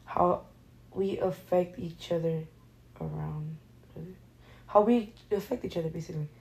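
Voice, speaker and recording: Casting note: young woman, low mellow voice, soft-spoken and rambling, casual podcast co-host. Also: measured pace, gravelly, poor audio. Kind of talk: casual chat.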